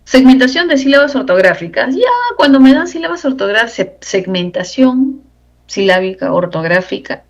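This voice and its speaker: A woman's voice: medium pitch, low-quality recording. A woman teaching a grammar lesson for exam preparation, explaining step by step and checking in with rhetorical questions. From Peru. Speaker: language teacher. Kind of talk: exam-prep lecture.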